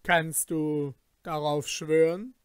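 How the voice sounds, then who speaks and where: A man's voice: fairly high pitch, level tone, smooth, no room sound, studio quality. A man doing a stern, commanding caliph. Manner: measured and authoritative.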